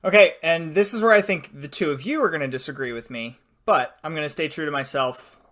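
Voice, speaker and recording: A young man chatting easily on a podcast, thinking aloud with ums. His voice sits a little high and sounds bright and clear, and he laughs often. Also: brisk. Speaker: podcast host. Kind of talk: casual chat.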